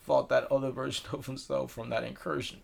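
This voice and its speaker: A young man in casual chat, retelling things in a slangy, animated way and acting out quotes. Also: mid-range voice, a little fast, gravelly. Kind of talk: casual movie recap chat.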